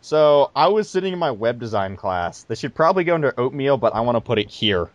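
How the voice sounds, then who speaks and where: A man's voice: medium pitch, big pitch swings, fairly quick, no echo. A young man hosting a casual gaming podcast, joking and stumbling over his words. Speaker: podcast host.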